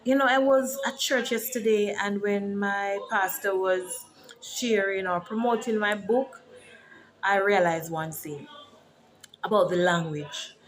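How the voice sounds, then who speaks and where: A woman's voice: medium pitch, steady tone, a little slow, a crowd in the background. A woman from Jamaica with a Jamaican accent, a teacher and author talking casually to camera and explaining words like a lesson. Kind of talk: casual vlog.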